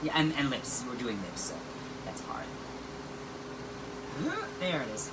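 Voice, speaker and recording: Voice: medium pitch, expressive, unhurried, distant mic. A drag performer and show host chatting casually backstage in a campy, theatrical way. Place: backstage dressing room. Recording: noisy room with background ambience.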